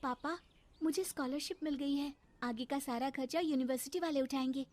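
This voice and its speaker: A woman voicing a quiet, hardworking young stepdaughter who speaks plainly and calmly in a cartoon story. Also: sits high, normal speed, a little hiss or hum, voice pushed up, natural voice.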